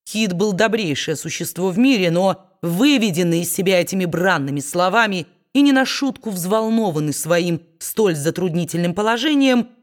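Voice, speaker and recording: A woman reading a novel aloud in steady, measured audiobook narration. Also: fairly low pitch.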